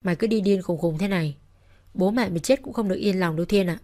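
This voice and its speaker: A woman's voice: on the low side, fast, mellow, close to an everyday voice. A woman voicing a brutish, arrogant brother-in-law who snarls threats. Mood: menacing.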